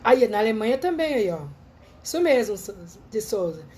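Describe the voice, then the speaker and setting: A woman's voice: fairly high pitch, big pitch swings, normal speed, warm tone. A Brazilian woman with a Brazilian Portuguese accent, chatting animatedly to listeners on a live show. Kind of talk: casual live talk with storytelling. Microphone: phone livestream.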